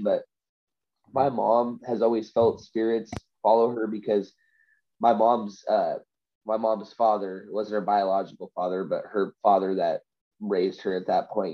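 His nose blocked by a covid cold, a Vancouver man guesting on a podcast talks casually and recounts personal stories, heavy on bro, dude and you know slang. He raps and writes poems as a hobby; his voice is lowish and the audio dull.

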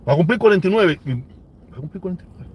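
Answering comments from viewers during a relaxed live stream, this Cuban-accented man in his forties speaks emphatically, repeating phrases to drive points home. His high-sitting voice is animated and racing, slightly mellow, with a bit of hiss or hum in the audio.

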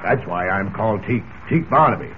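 An actor playing a gruff, blunt old seafarer with salty in 1940s radio drama. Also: male voice, on the low side, expressive, brisk, natural voice. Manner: salty nautical talk. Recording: tinny, noisy old radio recording.

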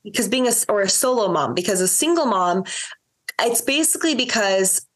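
A woman's voice: medium pitch, expressive, fairly quick. A woman in her thirties, a military wife and mother, talking candidly as a podcast guest in a casual chat, with lots of fillers and restarts. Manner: candid, rambling, full of fillers and self-corrections.

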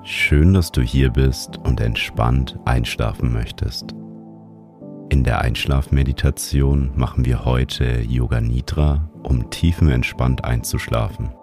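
A man narrates a guided sleep meditation in a soothing, calm manner, like a sleep-story narrator. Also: very deep voice, takes it slowly, music in the background. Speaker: meditation guide and show host.

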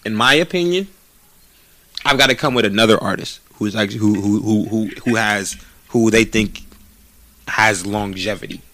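Fairly low in pitch and a bit bright, this man talks at a normal speed. He's a twenty-something podcast co-host and aspiring rapper, chatting casually in slang and profanity and repeating words as he works through his thoughts.

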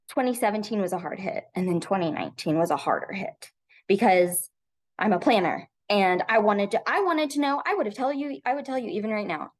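A woman in her thirties, a guest on an interview podcast, tells a long personal story in her own words. She speaks reflectively, often restarting her sentences and filling pauses with "um." Her voice sits at an ordinary pitch for a woman. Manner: reflective, with frequent restarts and filler "um"s.

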